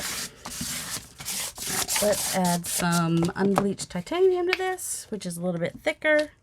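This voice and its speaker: Against heavy background noise, a medium-pitched woman in her forties speaks in a youthful, almost childlike voice. She's a mixed media artist narrating a casual crafting vlog as she paints at her home craft table, rambling and teasing herself along the way. The overhead camera shows only her hands.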